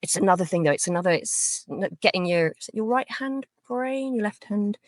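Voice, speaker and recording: A woman's voice: mid-range voice, lively intonation, fairly quick, dry recording. A woman with a North Welsh accent talks casually in an interview as a voice actor, thinking aloud as she goes. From North Wales.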